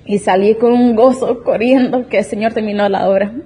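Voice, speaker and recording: A woman's voice: medium pitch, fairly even intonation, moderate pace, warm tone, breathy edge. A young woman in her twenties giving an emotional, earnest church testimony, often restarting her sentences. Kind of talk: personal faith testimony.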